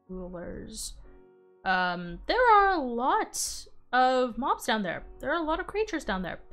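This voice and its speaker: A woman's voice: medium pitch, a bit bright. A woman streamer doing live in-character game commentary in a rambling, hesitant, professor-like manner. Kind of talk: live in-character Minecraft roleplay commentary, chatting with viewers.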